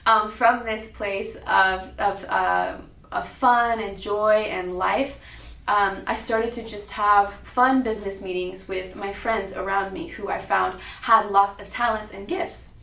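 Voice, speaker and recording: This young American woman from Sacramento, California, recounts a personal story as a public talk, taking it slowly. Her steady, mid-range voice sounds creaky and a bit bright, captured by a distant mic in a roomy, echoing space.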